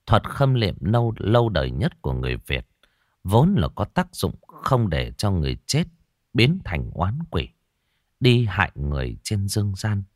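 A man telling a ghost story in a slow, dramatic way, his low voice rising and falling with lively swings. He drops to a hush at tense moments, and the recording is dry and close. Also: no room sound.

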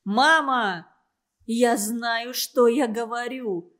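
A woman's voice: medium pitch, slow, darkish tone, natural voice. Woman doing a tired teenage son, pleading, storybook reading. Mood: desperate. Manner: tired, then cries out.

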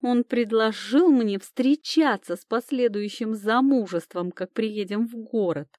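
Storybook figure: hot-tempered male elf lover, growling and indignant, pitched up and louder than the reader's own voice, read by a woman. Dry, close sound. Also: unhurried, dry recording, natural voice.

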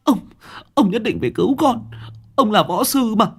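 A man's voice: lively intonation, normal speed, creaky, fairly bright tone, slightly rough, exaggerated voice. A man voicing a frantic middle-aged mother who pleads and wails. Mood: wailing. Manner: high wailing, pleading, near tears.

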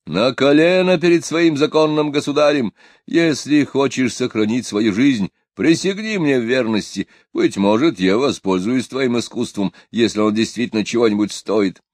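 A man voicing a furious, domineering rebel leader who claims to be tsar, shouting in slow, commanding declamation. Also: mid-range voice, dry recording, clean studio sound, lightly acted. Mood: enraged.

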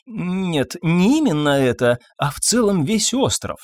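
A man's voice: high-pitched, very animated, measured pace, dry recording, studio quality, voice pushed up. A man voicing a fussy, nervous, absent-minded doctor who talks timidly and apologetically in a raised, thin voice. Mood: fretful.

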